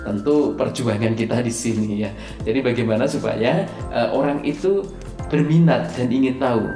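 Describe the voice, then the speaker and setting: A man's voice: medium pitch, normal speed, warm tone. A man teaching presentation skills over slides, explaining with hesitant fillers and stressing key words. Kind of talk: recorded slide lecture. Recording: echoey room, faint music underneath.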